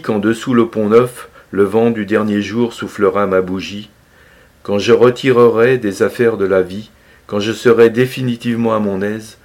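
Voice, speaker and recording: A man with a fairly low voice recites a long poem. His delivery is expressive and lilting, lifting and dropping his emphasis with each line in a measured recitation.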